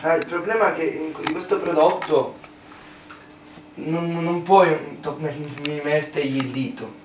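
Voce maschile giovane, piuttosto acuta, stanza rimbombante. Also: male voice, a little high, measured pace. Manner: playful, addresses viewers. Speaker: challenge host. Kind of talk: casual challenge vlog chat. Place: home kitchen. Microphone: camera microphone across the room. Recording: roomy, distant camera mic, loud background noise.

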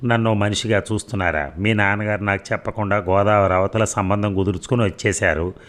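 Man reading as a hurt angry mom, bitter complaints, deep low voice. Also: steady tone, brisk, fairly bright tone, lightly acted. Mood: indignant. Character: wounded, indignant mother, middle-aged.

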